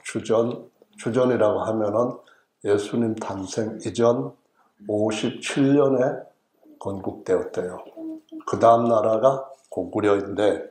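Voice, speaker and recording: Low-voiced pastor in an echoey church. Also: male voice, a little slow, a little mellow. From Chungcheong region, South Korea. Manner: humorous, folksy storytelling. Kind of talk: sermon. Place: church sanctuary. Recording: roomy church echo.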